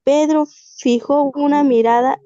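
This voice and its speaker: A woman reads a literary passage aloud very slowly, stumbling and restarting on difficult words. Her voice is a little high and mellow, sitting close and dry. It comes through muffled video-call audio. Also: steady tone. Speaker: student reading aloud in class. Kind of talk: halting reading aloud of a literary text.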